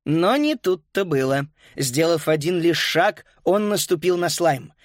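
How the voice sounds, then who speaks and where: A man narrating a children's audiobook in a lively, expressive storytelling manner. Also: a little high, a little slow, no echo, clean studio sound.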